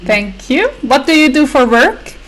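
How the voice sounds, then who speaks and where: A woman's voice: high voice, animated, measured pace, fairly bright tone. Upbeat woman hosting a podcast. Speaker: podcast host. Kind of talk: hosting a casual video roundtable.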